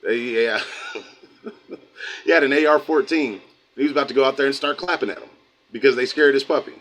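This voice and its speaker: A middle-aged American man hosts a livestream channel, chatting casually with viewers and reading chat in a folksy, rambling way that drifts into preaching. His mid-range voice is slightly fast and a bit bright, and the recording is rough.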